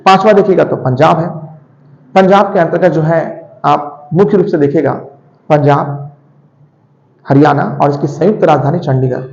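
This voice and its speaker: A male teacher explaining a lesson quickly, often correcting himself and repeating his points. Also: a little high, gravelly. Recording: echoey room, dull lo-fi sound.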